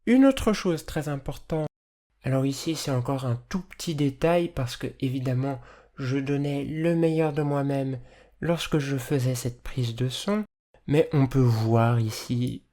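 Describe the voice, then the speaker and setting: A person with a slight lisp and hissy, slushy s sounds, explaining audio editing as a tutor in a measured, careful way. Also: mid-range voice, mellow. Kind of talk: instructional screencast narration, explanatory.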